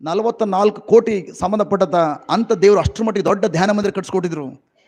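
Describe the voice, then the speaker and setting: A middle-aged man with a Kannada accent preaching a sermon, his delivery swinging between loud exclamations and quiet musing. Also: sits high, quick pace, breathy edge. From India.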